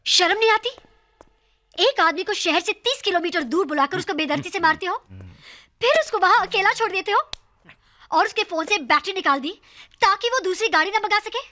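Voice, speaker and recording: An actress playing a feisty young woman held captive, scolding her kidnappers with sharp sarcasm. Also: very high voice, animated, fairly quick, heavily acted. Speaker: kidnapped heroine. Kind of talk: Hindi film acting.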